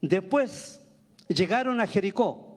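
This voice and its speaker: A man's voice: high voice, expressive, slow pace, a little mellow. A man preaching a sermon as pastor, firing rhetorical questions at the congregation. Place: church.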